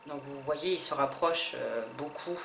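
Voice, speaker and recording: A woman's voice: sits low, unhurried, gravelly, background noise. A woman hosting a casual beauty haul vlog, talking hesitantly with many fillers and restarts. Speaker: beauty vlogger. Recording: echoey room with faint ambience.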